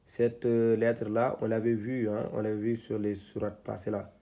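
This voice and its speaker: A man teaching Quran reading, spelling out syllables one by one, halting and repeating himself with many fillers. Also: on the low side, little pitch movement, mellow. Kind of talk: step-by-step lesson, spelling out syllables.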